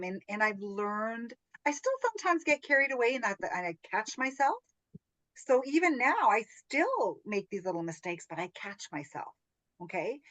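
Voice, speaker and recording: A woman hosting a casual group coaching call on video, telling stories in a chatty, animated way, laughing often and checking in with "right?". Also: on the high side, no room sound, poor audio. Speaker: business training host.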